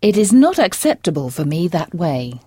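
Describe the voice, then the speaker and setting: A woman's voice: lowish voice, big pitch swings, normal speed, warm tone, breathy edge, dry recording, studio quality. A woman answering as a student in a recorded language course, pronouncing each word carefully. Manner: short answers, careful pronunciation.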